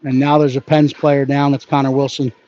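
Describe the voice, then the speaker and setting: A man giving brisk live hockey play-by-play, narrating each pass and leaning toward the home team. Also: mid-range voice, little pitch movement, mellow. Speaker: play-by-play announcer. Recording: dull lo-fi audio with faint background noise.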